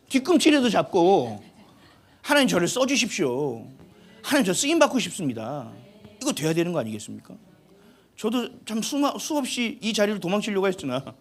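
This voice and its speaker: A male pastor preaching a sermon in an animated, humorous, exhorting way. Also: sits high.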